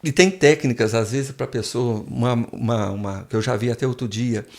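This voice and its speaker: A man's voice: mid-range voice, moderate pace. A man, a guest professor who explains things patiently with frequent restarts in a casual podcast chat in a studio.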